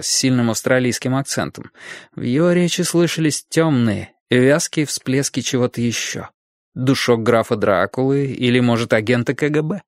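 A man reading a first-person novel aloud in an even, measured way. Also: mid-range voice, no room sound, clean studio sound. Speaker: narrator. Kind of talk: audiobook narration.

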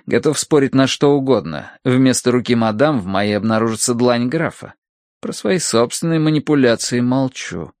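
A man reading a first-person story aloud with wry, lively narration. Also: mid-range voice, normal speed, dry recording, clean studio sound. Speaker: audiobook narrator.

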